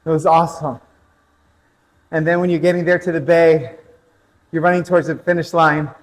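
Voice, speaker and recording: A man's voice: a little high, fairly even intonation, normal speed, in a large hall, rough recording. A man coaching an indoor cycling class, telling a personal race story between motivational interval cues and countdowns.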